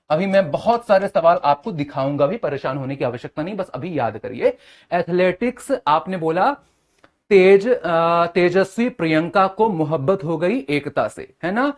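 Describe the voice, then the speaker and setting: Man teaching with quick memory tricks. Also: sits high. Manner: mnemonic-heavy, keeps asking "है ना?" and "ठीक है?". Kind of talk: exam-prep lecture.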